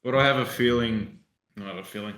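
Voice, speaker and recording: A man's voice: medium pitch, fairly quick, fairly bright tone, echoey room. Blunt, sweary Australian young man. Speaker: podcast guest. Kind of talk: casual chat.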